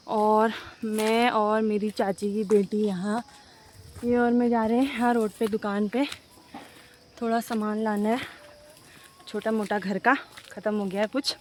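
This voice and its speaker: Walking outdoors through a village, a young woman chats casually to her vlog audience in a slightly high, darkish voice. There's slight background noise, including faint outdoor ambience with animals.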